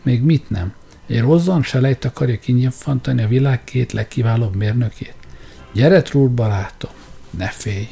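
A man's voice: mid-range voice, creaky, husky. A man doing a brash, scornful engineer. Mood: defiant. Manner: brash and forceful. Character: bold, scornful male engineer.

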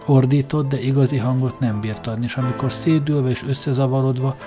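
A man's voice: mid-range voice, fairly even intonation. Male storyteller reading over music. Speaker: audiobook narrator. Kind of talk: scripted story narration.

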